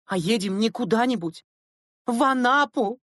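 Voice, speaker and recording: A woman's voice: fairly high pitch, expressive, moderate pace, fairly bright tone, no room sound, studio quality. A woman voicing a bitter, weary schoolteacher. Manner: stern, exasperated complaining. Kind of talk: audiobook character reading.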